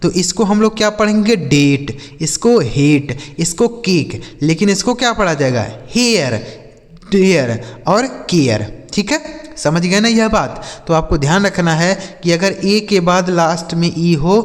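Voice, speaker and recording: Speaking in a large hall, a man with a high voice teaches English pronunciation in Hindi, animated yet unhurried. His viewers are addressed as friends, his explanations go patiently step by step, and he answers the rhetorical questions he repeatedly asks.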